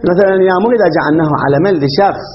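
A man's voice: fairly high pitch, very fast. A man teaching a grammar class, explaining step by step and quizzing his students. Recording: dull muffled lesson recording, faint hiss.

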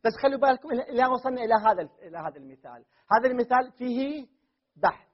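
A man teaches a grammar class in a very high, husky voice. He chants word forms one after another and keeps asking his students whether they follow. The recording is dull and lo-fi. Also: lively intonation, very fast. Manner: drills word forms aloud, often checks with students.

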